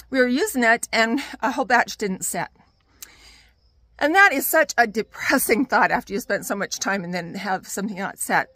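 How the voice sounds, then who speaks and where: Older woman, slightly high voice, homey garden chat, dry close sound. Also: a bit bright, no room sound. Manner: chatty and homey, with fillers and self-deprecating laughs. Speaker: gardening vlogger. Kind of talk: casual garden tour chat. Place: outdoors in a home garden.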